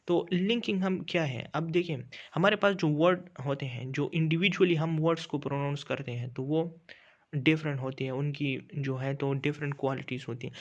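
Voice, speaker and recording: A man teaching English pronunciation in Hindi, explaining step by step with frequent fillers and slowly reading out English definitions. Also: on the high side. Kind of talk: English phonetics lesson in Hindi.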